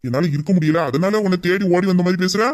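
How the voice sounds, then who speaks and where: A man's voice: high-pitched, quick pace, darkish tone. A man playing a flirtatious male boss who teases a staff member in a Tamil audio drama. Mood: teasing. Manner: teasing, playful and bossy. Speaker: boss voicing a romantic male lead.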